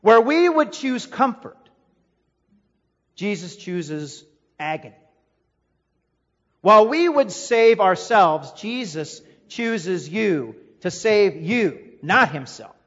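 A man's voice: sits high, big pitch swings, slow pace, pauses often. A male pastor preaching a sermon in an emphatic way, with rhetorical questions and a repeated refrain. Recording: echoey hall, dull lo-fi sound.

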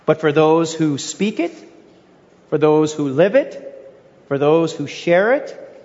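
A man's voice: a little high, very animated, slow, a little mellow, long reverb tail, dull audio. A male pastor preaching a sermon in an earnest way, asking his listeners rhetorical questions. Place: church sanctuary.

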